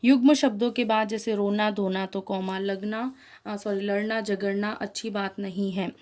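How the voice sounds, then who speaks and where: Mellow-voiced woman teaching a grammar lesson. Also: medium pitch, steady tone. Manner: clear, deliberate explaining with examples, corrects own slips. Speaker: school Hindi teacher.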